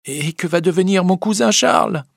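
A man's voice: sits high, animated, normal speed, gravelly, dry recording, studio quality, voice pushed up, heavily acted. A man reading aloud who voices an earnest young daughter asking her father pleading questions. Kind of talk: audiobook reading.

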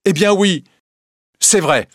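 A man reading the part of a young wife in a storybook reading, raising his voice high and tight for her. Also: normal speed, no room sound, studio quality, natural voice. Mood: defiant. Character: young wife, nervous then defiant.

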